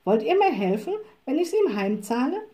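A plucky little witch from a children's storybook, eager and spirited, played by a woman reading aloud. She speaks much higher than the reader's natural voice. Her tone stays warm and mellow. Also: sing-song, moderate pace. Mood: determined. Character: lively young girl witch, plucky and kind.

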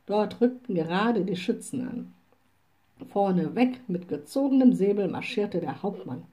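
A woman reading a children's storybook aloud in a calm, clear way. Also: medium pitch, a little slow. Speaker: narrator.

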